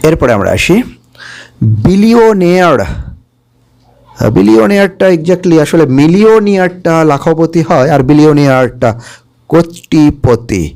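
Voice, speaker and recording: A man gives a careful spelling lesson, sounding out each English word one letter at a time and then explaining what it means. His voice sits a little high. He keeps a patient teaching pace and stops to check that the class is following. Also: expressive, normal speed, creaky, long pauses, a little mellow. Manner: explains Bengali meanings, checks with "okay?".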